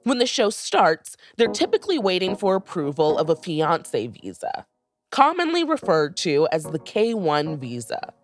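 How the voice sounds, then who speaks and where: Lively woman narrating a podcast. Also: fairly low pitch, moderate pace, soft background music. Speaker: podcast host. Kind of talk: scripted narration.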